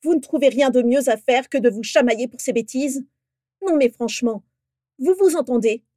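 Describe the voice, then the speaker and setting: An exasperated, stern witch berates the men around her with loud indignation, voiced by a woman narrating. The voice stays warm-toned and the sound is dry. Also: high voice, normal speed, no room sound, voice pushed up. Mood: scolding.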